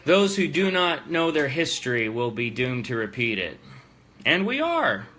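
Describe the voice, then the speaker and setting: A man's voice: medium pitch, sing-song, measured pace, bright, forceful tone, a little hiss or hum. A man hosting a live show, giving emphatic, plain-spoken political commentary to his audience.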